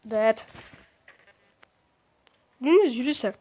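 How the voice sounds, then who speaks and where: A young woman giving casual, excitable commentary while playing a video game, swearing and shrieking at it. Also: fairly high pitch, extremely slow, a little hiss or hum. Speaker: gaming streamer.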